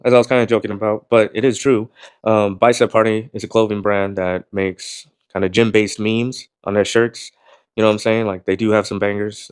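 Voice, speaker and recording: A man vlogging casually to camera about gym shirts, talking in a rambling, laid-back way, swearing now and then, with a voice he calls monotone. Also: fairly low pitch, clean tone, dry recording, clean studio sound. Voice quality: calls his own voice monotone.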